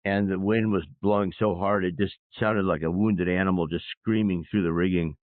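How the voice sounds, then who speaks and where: A man as an interview guest, a sailor and public speaker, telling his story in a reflective, measured way. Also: low-pitched, steady tone, dry recording. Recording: dry, phone-like line.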